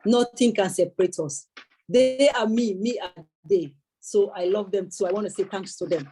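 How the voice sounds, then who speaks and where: A woman's voice: medium pitch, moderate pace, dark tone, husky. A young woman giving an earnest public speech at a celebration, emphatic, repeating her key words and thanking many people. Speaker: speaker at a celebration event.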